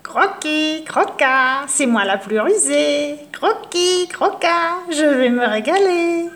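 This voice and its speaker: A woman voicing a cunning, spiteful old forest witch in a storybook, wheedling one moment and shrill the next. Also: animated, slow. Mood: gloating. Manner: wheedling and sly, then shrill and cursing. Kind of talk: storybook character voice.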